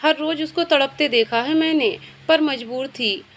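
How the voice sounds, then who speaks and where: A woman's voice: sits high, unhurried, fairly bright tone, a little hiss or hum. A woman voicing a worried, loving older mother in a storybook reading. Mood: sorrowful.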